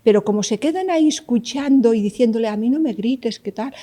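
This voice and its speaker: Speaking fairly quickly in a rather high, dark-toned voice, a woman psychologist explains concepts as an interview guest. Her manner is didactic, and she keeps tossing in "¿vale?" to check understanding.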